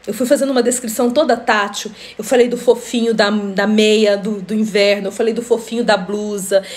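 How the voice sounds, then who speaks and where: A woman's voice: medium pitch, steady tone, a little fast, a little mellow. A middle-aged woman, hosting a live stream and telling stories in a chatty way, often laughing and greeting viewers by name. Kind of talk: casual storytelling live stream.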